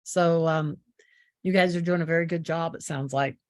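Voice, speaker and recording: A woman with a fairly low voice chairs a meeting. She is polite and informal. Her phrasing is hesitant, broken by small pauses. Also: fairly even intonation.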